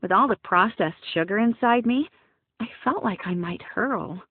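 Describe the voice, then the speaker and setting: A woman's voice: medium pitch, animated, moderate pace, slightly rough, no echo. A young woman narrating an audiobook in the first person, wry and playful. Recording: dry, phone-like narrow sound.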